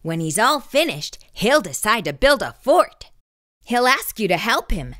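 Middle-aged woman, children's storytime voice, animated pitch, read-aloud host, addressing young listeners. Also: a little slow, no room sound, studio quality.

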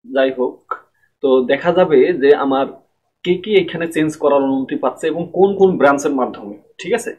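A man's voice: mid-range voice, brisk, a little mellow, low-quality recording. A man giving a screen-recorded programming tutorial at his computer, explaining step by step and often checking that listeners follow.

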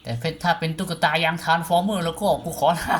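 A woman's voice: fairly low pitch, fast. Rowdy woman gamer. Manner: rowdy, crude joking banter; excitable, shouting in tense moments. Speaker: gaming streamer. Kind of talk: let's-play commentary.

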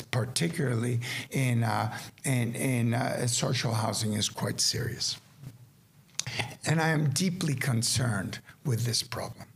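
Gravelly man giving a lecture. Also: mid-range voice. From Caracas, Venezuela. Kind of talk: conference lecture. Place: indoor seminar room at a lectern. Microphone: lectern microphone.

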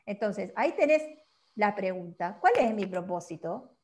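A woman appears as a guest teacher, patiently explaining a calendar system and often ending a point with a questioning tag. Her mid-range voice is animated and a little mellow, at normal speed, with a little hiss or hum in the recording.

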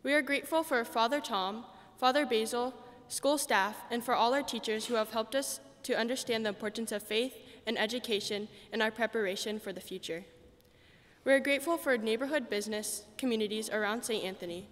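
A teenage girl of about 14 reads a prepared speech as the graduating student speaker at a ceremony in a large church. Her high voice moves briskly through a podium microphone, and the church gives the recording heavy reverb.

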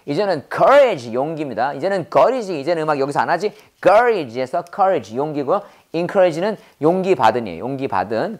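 A woman's voice: low-pitched, a little mellow. A woman teaching English vocabulary in a lecture, repeating each word and using playful sound-alike puns.

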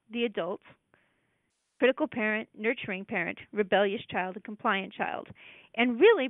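Speaking in a mid-range voice, this woman presents a casual talk and slips into quoted parent and child voices to illustrate her points. She talks conversationally, full of fillers and restarts, and the recording has no echo, sounding dry and phone-like.

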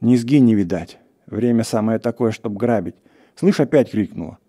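Man doing a gruff, hot-tempered hunter. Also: fairly low pitch, normal speed, lightly acted. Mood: alarmed. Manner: shouting, scolding.

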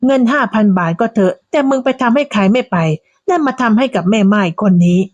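A woman voicing a jealous, furious old village wife who curses and accuses in a slow, drawn-out way. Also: a little high, lively intonation, a little mellow, dry recording, lo-fi sound, pitched above the performer's own voice. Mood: furious, cursing. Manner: cursing, accusing, drawn-out delivery.

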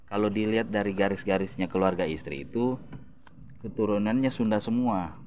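Brief: middle-aged man, low voice, lively storyteller in a relaxed chat. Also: brisk, slight background noise. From Makassar, South Sulawesi. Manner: storytelling, animated retelling of anecdotes. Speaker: guest. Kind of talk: casual chat.

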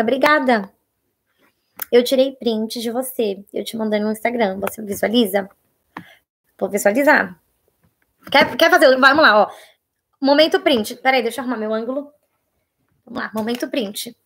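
A young Brazilian woman with a husky voice, hosting a casual live Q&A, chatting and reading viewer questions aloud, sometimes dropping to a hush. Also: a little high, fairly quick. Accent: Brazilian Portuguese. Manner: chatty, reads viewer comments aloud, drops to a hushed voice for private topics. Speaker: live-stream host answering viewer questions.

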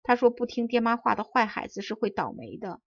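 A woman's voice: fairly high pitch, big pitch swings, a little fast, gravelly, fairly bright tone, no room sound, lo-fi sound, exaggerated voice. A woman voicing a pitiful wooden puppet boy. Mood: tearful. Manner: pleading, whimpering.

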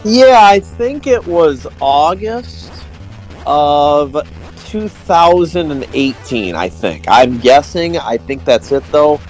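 A man with a slightly high voice, speaking as a guest in a casual chat, friendly and quick to laugh. Faint music runs under his talk. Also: very animated, darkish tone, poor audio. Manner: friendly, laughs easily, says "man" a lot. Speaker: guest YouTuber.

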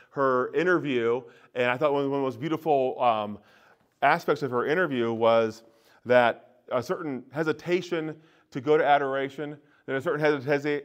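Man teaching a parish study group. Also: medium pitch. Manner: conversational, with frequent restarts and asides to the audience. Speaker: parish adult education presenter. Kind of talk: informal talk to a parish group.

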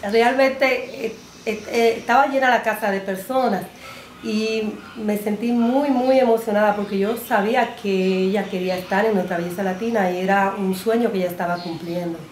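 A woman talking emotionally and haltingly in an interview. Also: mid-range voice, fairly even intonation, roomy sound, slight background noise. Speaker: family member of contestant. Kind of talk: sit-down interview.

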